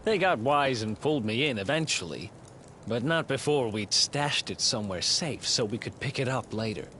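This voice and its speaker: A man's voice: medium pitch, expressive, moderate pace, a bit bright, slight background noise, lightly acted. An actor voicing a boastful young male thief in a video game. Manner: boastful, conspiratorial storytelling.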